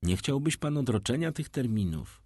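A man voicing a reserved, coolly measured English creditor who speaks slowly and low. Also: very animated, a little mellow, breathy edge, no room sound, clean studio sound.

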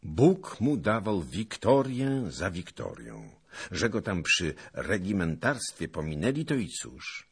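Man voicing earnest loyal young knight, husky, deep, respectful, storybook. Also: very animated, slow, exaggerated voice. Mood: puzzled.

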